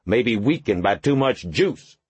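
A man's voice: on the low side, lively intonation, measured pace, husky, dry recording, pitched above the performer's own voice. A man reading an audiobook, voicing a blunt, overweight male police lieutenant who gives coarse, bossy orders.

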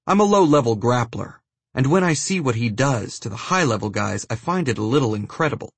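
A man's voice: medium pitch, expressive, a little fast, breathy edge, no echo. A man narrating a scripted first-person account as an audiobook reader.

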